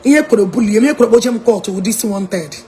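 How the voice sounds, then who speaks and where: A Nigerian woman with an Igbo-tinged accent chatting on a casual livestream from a hotel room, animated and laughing, mixing English and Igbo. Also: medium pitch, fast. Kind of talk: casual live-stream chat.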